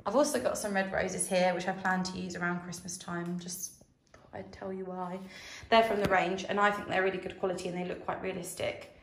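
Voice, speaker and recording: A woman with a croaky voice, chatting casually through a craft tutorial with many fillers. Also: fairly low pitch, level tone, quick pace. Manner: rambling, conversational, many fillers. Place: room at home under ceiling spotlights. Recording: echoey room.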